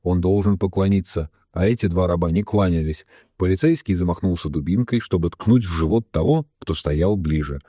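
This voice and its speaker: A man's voice: low-pitched, dark tone, slightly rough, dry recording, studio quality. A man reading a novel aloud as a narrator, giving the characters' lines in his own voice with little change. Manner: reads all characters himself, slowing for solemn quotes. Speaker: audiobook narrator. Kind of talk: scripted narration.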